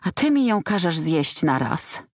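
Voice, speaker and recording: A man's voice: fairly high pitch, big pitch swings, a little slow, no echo, full character voice. A woman voicing a sarcastic, grumbling male chef in an audiobook, with a dry, reproachful tone. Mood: wry.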